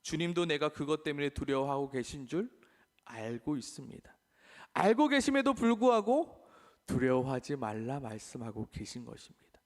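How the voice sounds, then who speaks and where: A man preaching a sermon as pastor, animated, acting out the voices he quotes. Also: medium pitch, normal speed. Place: living in Australia. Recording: long hall reverb.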